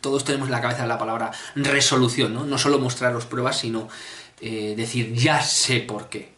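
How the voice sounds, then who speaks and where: A young man from Spain with a Spanish accent tells his stories casually to camera, in a mid-pitched voice. He talks with lots of fillers and restarts, often clears his throat, and grows lively as the story builds. The room adds a clear echo. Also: moderate pace. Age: 20s. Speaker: mystery channel host. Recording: echoey room.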